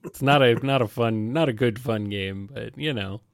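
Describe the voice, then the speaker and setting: A man's voice: mid-range voice, normal speed, no room sound, studio quality. A laid-back man in casual podcast chat who laughs often as a co-host.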